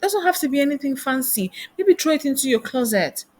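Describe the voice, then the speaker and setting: A woman's voice: high-pitched, sing-song, a little fast, a little mellow. A woman giving a motivational career lesson, firing off rhetorical questions. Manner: asks many rhetorical questions. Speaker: career coach and trainer. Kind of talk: motivational teaching talk.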